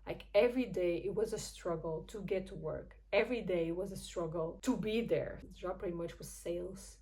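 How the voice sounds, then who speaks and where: A woman's voice: on the low side, moderate pace, rough recording. A young woman from Portugal with a Portuguese accent, speaking English as a second language, hosting her channel and telling a personal story in a chatty, candid way. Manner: chatty and candid, with frequent soft laughs. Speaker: YouTube channel host. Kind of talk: casual personal storytelling to camera.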